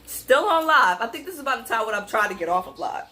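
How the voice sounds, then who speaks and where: A young woman tells a story to her vlog audience in an animated, emphatic way, laughing easily as she goes. Her voice sits a little high and sounds bright and forward. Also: fast talker, slight background noise. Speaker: vlogger. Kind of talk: casual storytime.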